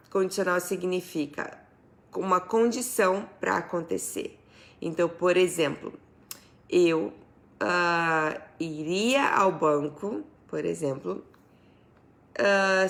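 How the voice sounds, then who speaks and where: A woman's voice: on the low side, gravelly. A woman teaching a live online English lesson, explaining patiently and asking her viewers questions.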